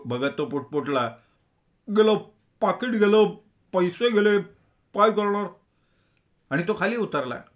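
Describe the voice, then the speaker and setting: A man telling a humorous story in an expressive, conversational way with asides to listeners. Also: mid-range voice. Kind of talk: Marathi story narration, kathakathan.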